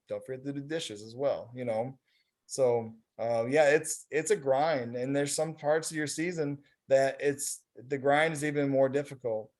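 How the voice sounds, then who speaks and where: Chatty man with a higher voice. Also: a little mellow. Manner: rambling, heavy on fillers like "you know". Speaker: researcher leading a focus group. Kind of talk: casual discussion. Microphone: video call.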